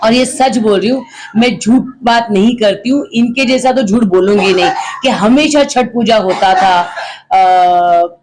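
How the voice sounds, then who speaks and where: A middle-aged woman speaks as a local social activist being interviewed. She talks forcefully and with indignation, hammering her points home through repetition. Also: mid-range voice, a little slow, noisy background. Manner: forceful and indignant, repeats phrases for emphasis. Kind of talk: interview answers.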